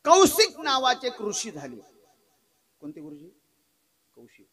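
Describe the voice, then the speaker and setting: A middle-aged man with a Marathi accent delivers a devotional kirtan sermon in a high, ringing voice. His delivery is emphatic and bright, and he keeps stopping to quiz his listeners as he tells the story. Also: wildly swooping pitch, a little slow, rough recording. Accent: Marathi, rural Maharashtra. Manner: emphatic, rising to loud exclamations, quizzes the audience. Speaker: kirtan preacher.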